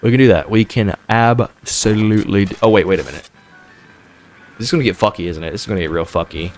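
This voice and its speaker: A man's voice: fairly low pitch, quick pace, soft background music. A man streaming a horror game with scared, jittery reactions, repeating himself and speaking in profane, slangy commentary.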